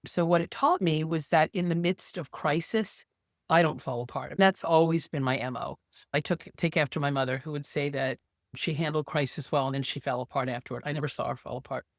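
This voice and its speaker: A woman's voice: low-pitched, brisk, dry recording. Older woman, emphatic storyteller, dry sound. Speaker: podcast guest, social worker and therapist. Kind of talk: casual interview conversation.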